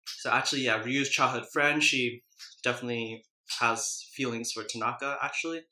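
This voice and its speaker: A man's voice: mid-range voice, fairly even intonation, normal speed, pushed and bright. A man casually chatting as a mukbang host, chewing and eating while he talks. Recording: roomy, echoey indoor sound.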